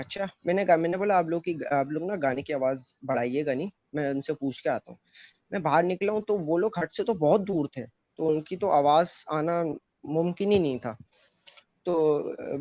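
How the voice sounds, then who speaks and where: A man's voice: on the high side, brisk, darkish tone, no echo. A man casually telling a story about his own experience, with many fillers and restarts. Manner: loose rambling retelling with many fillers. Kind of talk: casual first-person storytelling. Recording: dull, muffled, dry close mic.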